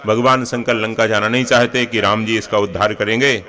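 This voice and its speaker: A man's voice: lowish voice, fairly even intonation, brisk, pushed and bright. A man preaching a devotional sermon, telling scripture stories in a homely, anecdotal way with humorous asides. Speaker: religious preacher.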